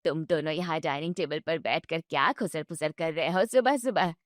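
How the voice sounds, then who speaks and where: A woman's voice: low-pitched, normal speed, no echo, studio quality, pitched below the performer's own voice, lightly acted. A woman voicing a bossy mother-in-law who scolds her daughter-in-law sharply. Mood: scolding.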